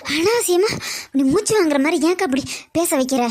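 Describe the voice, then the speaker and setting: A woman's voice: very high-pitched, animated, a little mellow. A woman voicing a driven cartoon older sister who scolds her younger sister. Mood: brisk. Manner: brisk, scolding. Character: driven older sister rushing to find work. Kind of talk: cartoon comedy acting.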